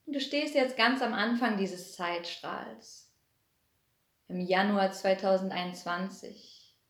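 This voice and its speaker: A woman guiding a relaxation meditation, speaking in a soothing way and slowly counting down to deepen the relaxation. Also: roomy sound. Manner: slow, soothing, repetitive counting down. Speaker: meditation guide. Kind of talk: guided hypnosis meditation.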